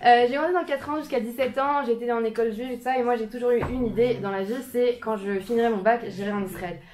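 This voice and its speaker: A young woman in her twenties the suburbs, giving an informal talk to a small group in a community room, filmed by a camera. She hesitates often, restarts and fills pauses. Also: a little high, darkish tone, a little hiss or hum. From France, Paris suburbs. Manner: hesitant, many fillers and restarts, self-conscious laughter.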